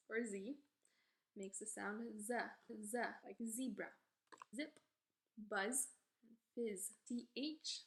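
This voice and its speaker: Woman, french first language, phonics teacher, very slow deliberate pace, word-by-word drills. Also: mid-range voice, vocal fry. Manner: reads word lists slowly, mixes French explanations.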